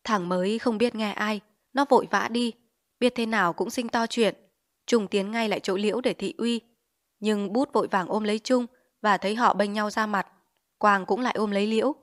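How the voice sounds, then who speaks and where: A woman narrating a novel as an audiobook, with steady storytelling delivery. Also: mid-range voice, moderate pace, no echo, studio quality.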